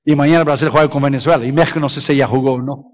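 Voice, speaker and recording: A man's voice: mid-range voice, steady tone, very fast. A male evangelist preaching a sermon with emphatic repetition, dropping in English phrases.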